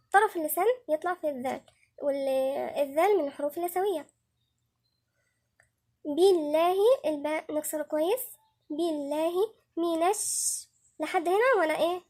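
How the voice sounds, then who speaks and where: A woman with a high voice and an Egyptian Arabic accent leads a patient tajweed lesson. She breaks each word down and says every sound again and again so learners can copy it. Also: a little mellow. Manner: patient, repeats each sound several times to demonstrate. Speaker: Quran recitation teacher.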